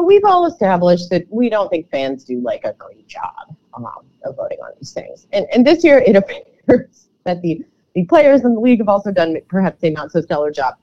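A woman with a froggy, slightly croaky voice co-hosting a sports podcast in casual, conversational commentary, often hedging her points. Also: lowish voice, darkish tone, no room sound. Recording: dull, lo-fi microphone sound.

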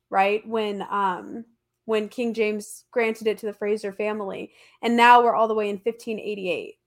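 A woman with a congested, stuffy nose from allergies, telling history as a podcast host in a casual, slangy, emphatic way. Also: a little high. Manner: chatty, informal, slangy and emphatic. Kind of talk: casual conversational history storytelling.

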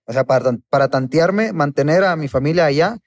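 A man's voice: a little high, animated, a little fast, dry recording, studio quality. A man speaking casually in slangy street talk as an interview guest. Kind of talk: casual chat.

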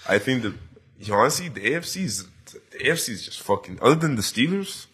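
A man's voice: mid-range voice, big pitch swings, quick pace, sharp tone, slightly rough. A man co-hosting a casual sports debate among friends, talking in slang with plenty of swearing and bro talk. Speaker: sports talk show co-host.

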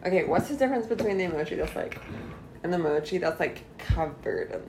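A young woman co-hosting a casual podcast chat at home, teasing and reacting with quick laughs. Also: on the low side, animated, background noise. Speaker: podcast co-host. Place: home kitchen.

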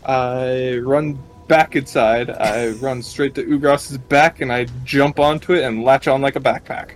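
A man playing a tabletop game, describing his character's actions in animated, laughing bursts. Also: mid-range voice, a little slow. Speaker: player. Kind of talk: casual tabletop play.

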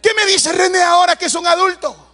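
High-pitched guy preaching in a church, animated, gets loud, chats with the congregation. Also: brisk. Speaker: pastor. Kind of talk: sermon.

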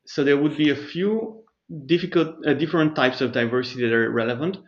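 Measured man speaking over muffled audio. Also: fairly high pitch. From Bulgaria. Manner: measured, explanatory, with restarts and thinking pauses. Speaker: startup CEO, guest. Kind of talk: conversational interview answers.

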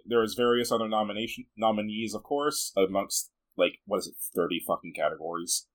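A man's voice: fairly low pitch, brisk, fairly bright tone. A man co-hosting a podcast, chatting casually about video games and movies, swearing offhandedly and laughing often. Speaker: podcast co-host.

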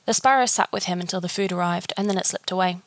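A woman reading a fan fiction story aloud, steady and even. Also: lowish voice, fast talker, no room sound.

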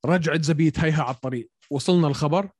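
Male sports talk host, Levantine Arabic accent, quick delivery, dry sound, casual, English words mixed in. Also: fairly high pitch, husky, no echo. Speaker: podcast host reading viewer questions.

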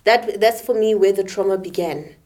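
A young woman co-hosting a podcast from South Africa, speaking in a measured, reflective way in short halting phrases. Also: medium pitch, darkish tone. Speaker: podcast co-host. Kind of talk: candid conversation.

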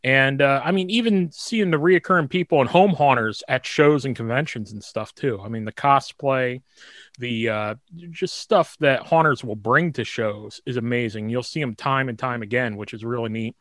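A man co-hosts a podcast in loose, casual chat, wandering off track with plenty of fillers and restarts. He has a mid-range, fairly bright voice at a normal speed, captured dry and at studio quality.

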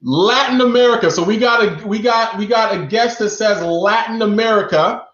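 A man's voice: high-pitched, moderate pace, a bit bright, reverberant, muffled recording. A man hosting a live online stream, upbeat and chatty, reading out viewers' chat guesses. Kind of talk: lively interactive hosting. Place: indoor room, talking away from the mic at times.

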